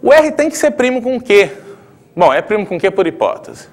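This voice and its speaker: A man's voice: high voice, very animated, moderate pace. A middle-aged man with a Brazilian Portuguese accent, a math professor working through a proof and checking in with tag questions. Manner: explanatory, frequent tag questions, thinking aloud at the board. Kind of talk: blackboard math lecture.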